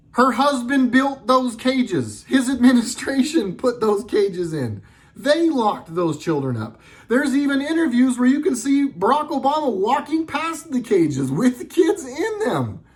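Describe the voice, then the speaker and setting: A man's voice: very high voice, very animated, slow pace. A middle-aged man delivering a sarcastic, heated political commentary monologue with lots of emphasis.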